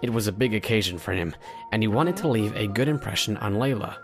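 Low-voiced man, storytime vlogger narration. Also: animated, fairly quick, over music. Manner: storytime vlogger addressing listeners directly. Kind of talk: scripted first-person storytime vlog narration.

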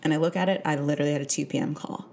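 A woman co-hosting a podcast, chatting casually and telling animated, joking stories. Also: sits low, rapid-fire, gravelly, a little hiss or hum. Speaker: podcast co-host. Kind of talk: casual chat.

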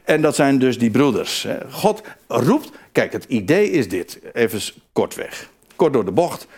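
A man's voice: mid-range voice, unhurried, slightly rough. A man preaching a sermon, emphatic and repetitive, often restarting his phrases. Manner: animated, emphatic, repeats phrases, frequent restarts.

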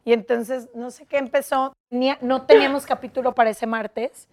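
A woman's voice: sits high, steady tone, normal speed, a little mellow. A young Mexican woman, a guest on a chat show, telling stories in a blunt, matter-of-fact way. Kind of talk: casual chat.

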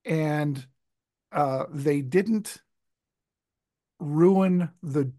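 A man's voice: on the high side, drawn-out words, mellow, no room sound, studio quality. A man co-hosting a podcast in casual chat, joking and rambling, often laughing. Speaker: podcast co-host.

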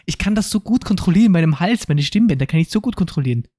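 Fast-talking young man, dry sound. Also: high-pitched, no room sound. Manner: absurd, rambling deadpan jokes. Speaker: podcast co-host. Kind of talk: casual comedic chat.

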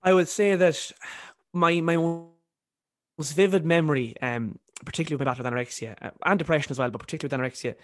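Young Irish man with a softened Cavan accent. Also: on the high side. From County Cavan, Ireland. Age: early twenties. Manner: halting, repeats words as he thinks. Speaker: podcast guest, university student. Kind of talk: reflective conversational interview.

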